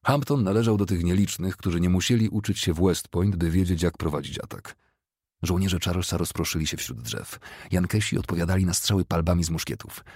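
A man narrating a novel as an audiobook, in a steady, measured storytelling manner. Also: sits low, husky, dry recording, studio quality.

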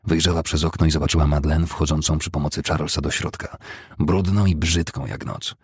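Brief: male narrator, deep and raspy, measured storytelling, dead-dry studio sound. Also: steady tone, dry recording. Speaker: audiobook reader. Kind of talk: scripted novel narration.

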